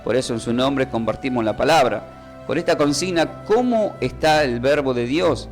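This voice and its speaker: A man preaching a Bible lesson for radio, in a teacherly way, asking questions and then answering them and repeating key words slowly. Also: mid-range voice, lively intonation, soft background music.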